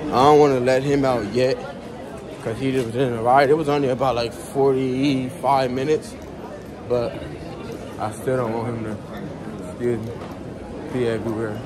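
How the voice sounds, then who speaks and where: A man's voice: medium pitch, flat delivery, moderate pace, long pauses, a crowd in the background. A young man in his twenties talking casually to his viewers in a travel vlog, filmed on a phone held at arm's length in an airport and a car. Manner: laid-back slangy talk to viewers. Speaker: vlogger. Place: airport terminal, walkway and parked car. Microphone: phone held low at arm's length. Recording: noisy background.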